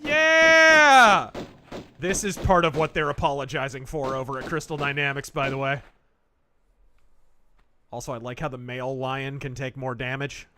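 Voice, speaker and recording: An American man hosting a game livestream with casual, emphatic, joking and excitable commentary. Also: mid-range voice, moderate pace, pauses often.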